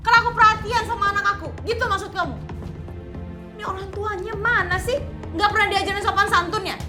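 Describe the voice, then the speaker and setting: A woman's voice: very high voice, quick pace, music in the background. An actress playing a young mother in a TV drama who coos tenderly over her child and snaps sharply at others. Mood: angry. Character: volatile young mother, doting then harsh. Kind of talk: TV drama acting.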